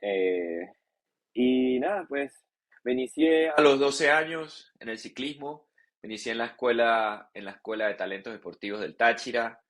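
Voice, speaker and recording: A man, a cycling guest in a casual podcast interview, relaxed and joking, halting with many fillers. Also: medium pitch. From Venezuela.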